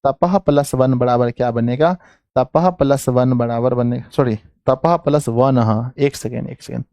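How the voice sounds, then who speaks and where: A man with a Bihari Hindi accent teaches an exam-prep grammar class online, dictating each phrase slowly and saying it again and again. His voice is mellow and dry, close to the mic. He keeps coaxing his students along. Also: mid-range voice, no echo. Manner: coaxing, calls students "my children".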